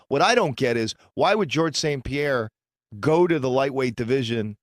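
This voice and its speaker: A man co-hosting sports radio talk, agreeable and relaxed, often dropping low at the ends of phrases. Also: normal speed, no room sound, studio quality.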